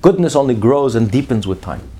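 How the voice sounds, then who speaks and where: A man preaching a sermon as a rabbi, emphatic, swinging between loud declarations and hushed asides. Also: medium pitch, expressive, fairly quick.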